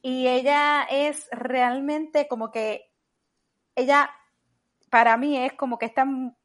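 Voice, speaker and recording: A woman, a podcast guest chatting in an animated way and laughing easily. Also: high voice, slow pace. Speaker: podcast guest, actress and comedian. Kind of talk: casual podcast chat.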